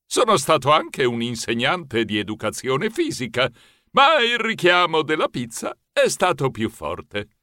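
Man playing a slow solemn mouse pizza master, swooping lively pitch, bright voice, storybook. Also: dry recording, studio quality, full character voice. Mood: friendly. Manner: slow, solemn, warmly assured. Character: genial expert male mouse pizzaiolo. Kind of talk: audiobook character voice.

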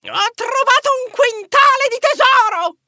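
Storybook creature: tiny cheeky ghost, squeaky and extremely high. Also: male voice, expressive, a little slow, bright, forceful tone, dry recording, clean studio sound, full character voice. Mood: gleeful. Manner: squeaky, gleeful. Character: tiny greedy mischievous little ghost.

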